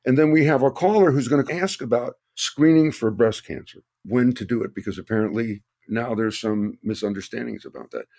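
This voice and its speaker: A male podcast host chats casually with a mid-pitched voice. He sounds hoarse, as if his voice is shot from too much speaking. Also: animated, a little fast, hardly any pauses, mellow. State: voice worn out and hoarse from overuse in public speaking.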